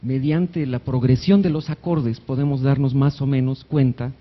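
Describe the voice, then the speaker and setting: A man of middle pitch gives a live lecture at a hospital event, explaining music theory in a chatty, joking way and breaking into short sung notes. The sound is dull and lo-fi, as from a recording of a hall event. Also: steady tone, moderate pace. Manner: conversational, jokey, sings short note examples. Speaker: doctor giving a talk on music theory.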